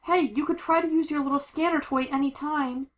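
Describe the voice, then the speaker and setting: A woman voicing an excitable teenage superhero girl who exclaims and complains in a high, bright voice. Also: slow pace, slightly rough, heavily acted. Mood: exasperated.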